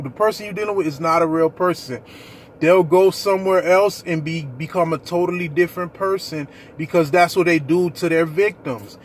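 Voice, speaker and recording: A man's voice: a little high, a little hiss or hum. A man leading a ministry, talking earnestly and preacherly straight to his viewers about his own experience. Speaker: ministry leader. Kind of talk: personal testimony vlog.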